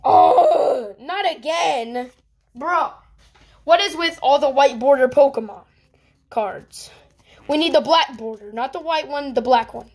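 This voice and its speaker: A woman vlogging casually as she opens trading cards, chatty and excitable, swinging quickly between groans and cheers. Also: high-pitched. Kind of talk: casual unboxing chat.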